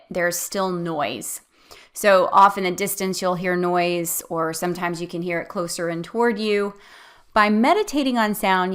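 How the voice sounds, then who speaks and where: This is a meditation guide, a woman whose voice is slightly low. She delivers calm, clear instructions in a gentle, soothing manner.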